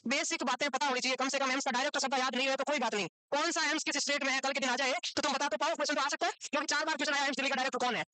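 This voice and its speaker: A woman's voice: sits high, bright, forceful tone, no room sound. A woman teaching a nursing exam class in a classroom, quizzing her students and scolding them for not knowing the answers. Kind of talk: classroom lecture.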